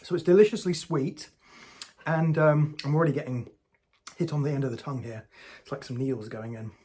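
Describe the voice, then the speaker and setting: Husky-voiced man chatting through a sauce review. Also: medium pitch, fast, a little mellow. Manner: chatty, talks straight to viewers as "guys". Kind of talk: casual food review vlog.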